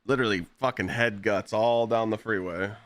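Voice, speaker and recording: A man streaming live, telling blunt, profane stories in a casual, animated way. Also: lowish voice, normal speed, dry recording. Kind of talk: casual storytelling while gaming.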